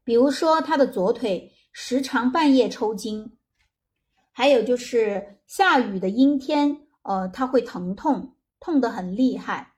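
A woman hosting and narrating a story in a gentle, conversational way, with small filler pauses. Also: fairly high pitch, lively intonation. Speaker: host. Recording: faint background music.

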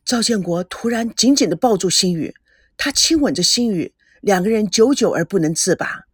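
A woman narrating a story in an emotive reading style, with a husky, breathy voice. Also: medium pitch, lively intonation, moderate pace, dry recording, studio quality.

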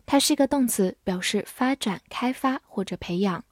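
A woman's voice: fairly high pitch, moderate pace, dry recording, clean studio sound. A woman giving a scripted vocabulary lesson as a teacher, over-enunciating carefully and repeating words for learners. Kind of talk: scripted instructional narration for learners.

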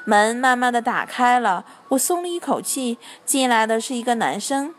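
A young adult woman reading a children's story aloud, narrating gently and lightly voicing each character. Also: on the high side, lively intonation, normal speed, a little hiss or hum.

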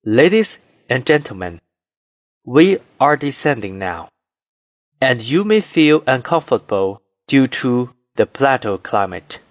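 Slow, formal male flight attendant announcement. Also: mid-range voice, sing-song, no echo, studio quality. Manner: formal, measured, phrase-by-phrase reading. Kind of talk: scripted airline cabin announcement.

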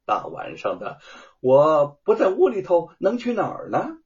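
A man's voice: on the high side, wildly swooping pitch, a little slow, pitched above the performer's own voice. A male storyteller voicing a sly, coquettish young woman who talks sweetly and cuts sharply. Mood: defiant. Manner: sweet, wheedling, sharp-tongued. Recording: dull lo-fi audio.

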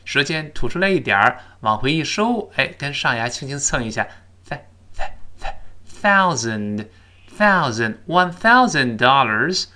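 A man teaching spoken English, explaining words and then drilling them slowly for learners to repeat. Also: medium pitch, sing-song, sharp tone.

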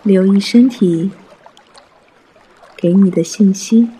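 A man guiding a mindfulness meditation in a soft, hushed, breathy voice, gentle and soothing, with long pauses. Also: high-pitched, poor audio. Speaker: meditation guide.

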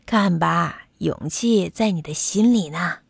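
A woman voicing a kind, calm male doctor in a storybook, speaking gently in a lowered voice. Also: normal speed, vocal fry, husky, no room sound, clean studio sound. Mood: gentle.

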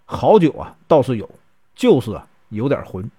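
A man's voice: medium pitch, very animated, normal speed, warm tone, slightly rough, pitched below the performer's own voice. Sly innkeeper woman, as a man puts her on. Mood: scheming. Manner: sly, mocking. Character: scheming female innkeeper who drugs guests.

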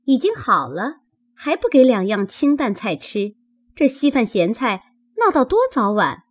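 A woman voicing a quick-tempered young maid who scolds rapidly in a high, shrill voice. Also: big pitch swings. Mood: complaining.

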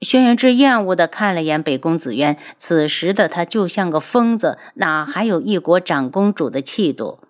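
A woman narrating a web novel in a measured storytelling voice. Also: on the low side, animated. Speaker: audiobook narrator.

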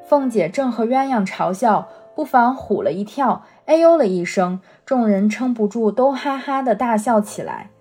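A woman reading a classic novel aloud for a reading-club podcast, in a steady, even storytelling manner. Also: a little high, normal speed, few pauses, slightly rough, soft background music. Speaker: reader.

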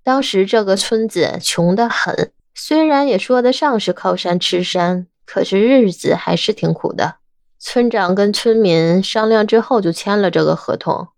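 A woman's voice: medium pitch, normal speed, gravelly, darkish tone, dry recording, studio quality, natural voice. Woman voicing a stubborn, wry young investigator. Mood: knowing. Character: sharp, stubborn young investigator who argues everything. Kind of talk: audiobook drama acting.

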